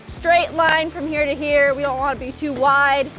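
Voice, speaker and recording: A woman's voice: high-pitched, fairly even intonation, normal speed, a bit bright, faint music behind. A woman swim coach giving brief, direct technical cues during a demonstration at an outdoor pool. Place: outdoor swimming pool deck.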